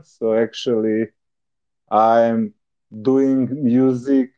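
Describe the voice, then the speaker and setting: A man speaks very slowly in a low, mellow voice, pausing to search for words. His audio is dull and lo-fi, like an online call. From Serbia. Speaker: guest, music producer. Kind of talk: casual self-introduction.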